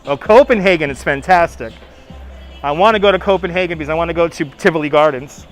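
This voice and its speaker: On a casual walking livestream outdoors in the city, a man with a New York accent talks fast in a voice on the high side. He's chatty, reads chat names aloud, and laughs often. Faint music sits behind the rough recording, captured on a phone on a gimbal.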